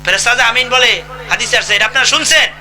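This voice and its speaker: A man's voice: extremely high pitch, fast, bright, forceful tone, rough recording. A man preaching a sermon, emphatic and asking his listeners rhetorical questions. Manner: emphatic, asks the audience questions. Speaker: Islamic preacher.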